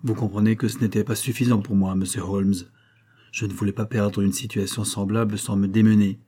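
A man's voice: lowish voice, little pitch movement, a little fast, dark tone, slightly rough. A man reading an audiobook, voicing an indignant middle-aged red-haired pawnbroker telling his story. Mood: aggrieved.

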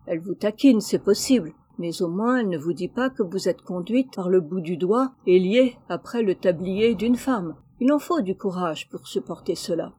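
A woman's voice: medium pitch, animated, moderate pace, few pauses, warm tone, breathy edge. A woman reading the lines of a proud but lonely teenage boy cousin in an audiobook, earnest and a little sheepish. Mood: rueful.

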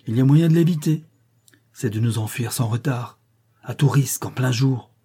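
A man reading a storybook, voicing a bold, spirited young girl who talks in a quick, determined way. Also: medium pitch, warm tone, slightly rough.

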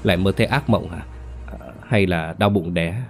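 A man's voice: sits low, soft background music, close to an everyday voice. A man playing an anxious young husband. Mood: worried. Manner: anxious, hurried.

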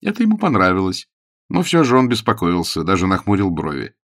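Male audiobook narrator, wry and measured, low voice with a lively range. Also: dry recording, studio quality. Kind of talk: scripted narration.

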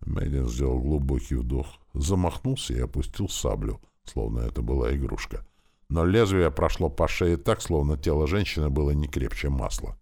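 A man narrating a dramatic story in an audiobook, with steady, expressive storytelling. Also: very deep voice, normal speed, creaky.

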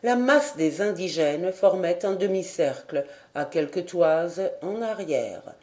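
A woman reading a classic adventure novel as an audiobook, with measured, even storytelling. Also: on the low side. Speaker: audiobook reader.

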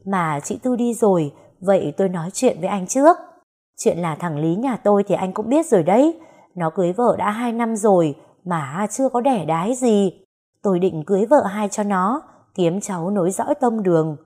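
A woman voicing a stout, fierce older village woman with a gruff deep voice and a domineering manner. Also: animated, normal speed, dark tone.

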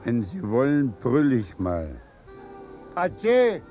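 An actor playing a blunt, impatient impostor prince in a 1950s radio drama. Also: male voice, deep voice, normal speed, warm tone, muffled recording, faint music behind, close to an everyday voice. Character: impostor prince, tipsy and restless, man.

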